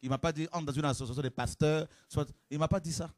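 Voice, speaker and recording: Man, fiery preacher, sermon, shouted exclamations, rhetorical questions, rather high voice, dry sound. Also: steady tone, fast talker, no echo.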